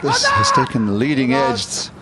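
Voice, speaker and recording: A male cricket commentator describes play with a lively, widely moving pitch. Clear outdoor noise is heard behind his mid-range voice. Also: moderate pace, over a noisy crowd. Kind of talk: live sports commentary.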